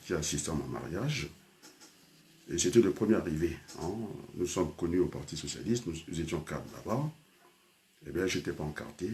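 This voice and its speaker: An older Congolese man with a deep, slightly mellow voice is a teacher and trainer. He gives a rambling personal talk full of hesitations, switching into Lingala at times.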